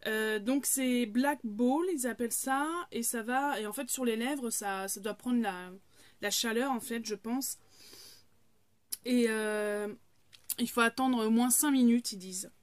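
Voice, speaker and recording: Woman in her 30s, casual haul vlogger, slightly high voice, rambling and friendly. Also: measured pace, dry recording. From France. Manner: chatty, many fillers and restarts.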